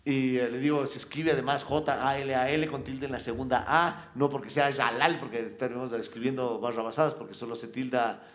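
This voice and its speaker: Middle-aged man, animated slangy storyteller, mid-pitched, in a roomy space. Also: brisk, hardly any pauses. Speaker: podcast guest, psychologist and broadcaster. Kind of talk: casual conversation. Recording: roomy echo.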